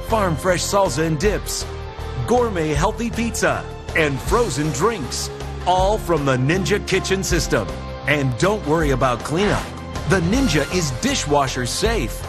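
High-pitched hard sell ad man. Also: expressive, a little slow. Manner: emphatic, urgent pitching. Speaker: infomercial announcer. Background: music behind the voice.

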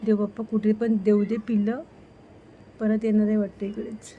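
A woman's voice: medium pitch, level tone, normal speed, narrow, tinny audio, a little hiss or hum. A woman fussing over her cat and talking to it, in a casual home vlog at night. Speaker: vlogger caring for a pregnant cat.

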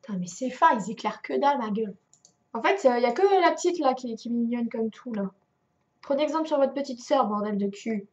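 A young woman talks over her gameplay in a high, bright register. She curses freely and laughs at her own failures, exasperated but joking. The recording sounds dull and lo-fi. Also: fairly quick. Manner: swears often, exasperated and self-mocking. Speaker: gaming youtuber. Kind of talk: let's play commentary.

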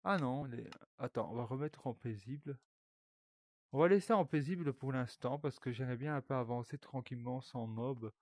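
A man's voice: mid-range voice, moderate pace, darkish tone. Rambling guy gaming in VR. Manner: rambling, swears often, talks to viewers. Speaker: streamer playing a VR game. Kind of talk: casual gaming commentary.

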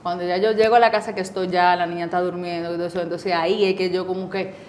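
A woman's voice: lowish voice, fast, slight background noise. A woman in her forties with a Dominican accent, a guest telling her story in a casual interview and acting out the voices of the people she quotes. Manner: lively storyteller who acts out quoted dialogue. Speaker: guest, cancer survivor.

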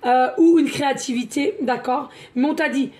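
Chatty high-voiced woman reading cards. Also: moderate pace, darkish tone. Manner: chatty, repeats words, many fillers. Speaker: card reader, medium. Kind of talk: tarot card reading.

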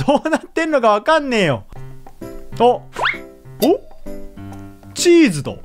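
Woman, gaming commentary, high-ish voice, laughs a lot, excitable. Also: measured pace, faint music behind. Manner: excitable, chatty, laughs often while reacting. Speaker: gaming YouTuber. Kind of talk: casual let's-play commentary.

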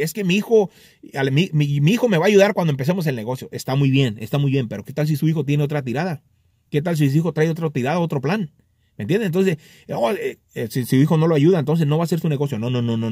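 A middle-aged man giving casual, animated motivational advice to lawn care workers, acting out little voices and repeating himself often. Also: fairly high pitch, slightly rough, dry recording, clean studio sound. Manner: animated, acts out hypothetical voices, frequent "ok" and repetitions. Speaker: lawn care business vlogger.

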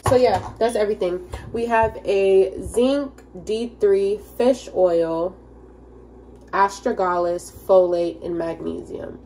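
A woman's voice: medium pitch, steady tone, takes it slowly, mellow, slight background noise. A woman, chatting casually to camera in a loose, friendly way while a bit congested from sneezing. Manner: chatty, loose and friendly, talking straight to viewers. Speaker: vlogger. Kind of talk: casual vlog chat to camera.

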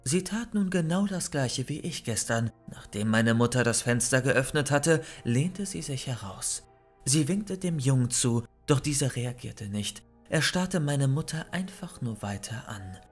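A man narrating a horror story in a measured, suspenseful way. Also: mid-range voice, lively intonation. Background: faint background music.

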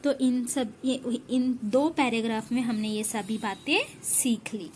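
A woman's voice: a little high, fairly even intonation, unhurried, darkish tone. A woman schoolteacher explaining a reading lesson to children, asking questions and answering them herself, with faint background hiss. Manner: asks questions and answers them herself, repeats key lines. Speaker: school teacher.

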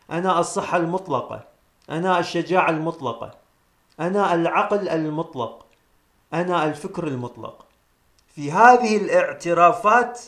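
A man gives a solemn metaphysical teaching in a somewhat high voice. He repeats his key phrases slowly for emphasis, and the sound rings around an echoey room. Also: fairly bright tone. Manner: addresses listeners as brothers and sisters. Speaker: presenter of a spiritual self-help series.

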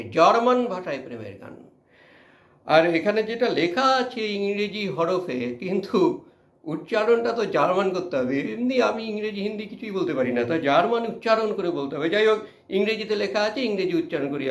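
High-voiced man teaching literature, echoey room. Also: very animated, moderate pace. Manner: reads passages aloud then explains with fillers. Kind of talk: line-by-line text explanation lesson.

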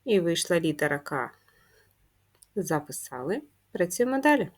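A woman's voice: fairly low pitch, big pitch swings. A woman teaching a first-grade handwriting lesson, patiently asking questions and answering them herself. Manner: patient, drawn-out, answers her own questions. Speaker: primary school teacher. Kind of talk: slow, clearly spelled-out handwriting lesson.

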